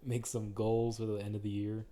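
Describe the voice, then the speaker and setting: A man's voice: fairly low pitch, completely flat delivery, a little fast, warm tone. A young man co-hosting a casual podcast chat, teasing his friends and laughing often. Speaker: podcast co-host.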